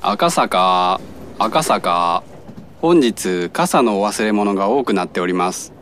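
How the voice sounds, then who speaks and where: A man's voice: fairly low pitch, expressive, slow pace, a bit bright, slight background noise. A man voicing a polite subway conductor who makes formal train announcements in a lesson dialogue. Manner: formal, courteous announcer phrasing.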